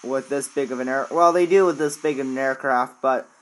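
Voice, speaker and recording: Male video host, mid-pitched, informal and chatty gameplay commentary addressed straight to viewers. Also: fairly quick, poor audio. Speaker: video host, flight simulator player.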